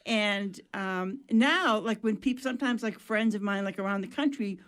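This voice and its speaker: A woman from Maine with a New England accent, hosting a casual radio talk show and chatting with guests, laughing easily. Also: medium pitch. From Maine, USA. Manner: chatty, laughs often, quick asides.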